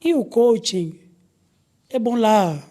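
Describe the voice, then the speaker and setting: A man, a psychologist co-hosting a casual podcast, who speaks in a measured way. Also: sits high, lively intonation. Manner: measured, with soft affirming murmurs. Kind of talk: casual conversation.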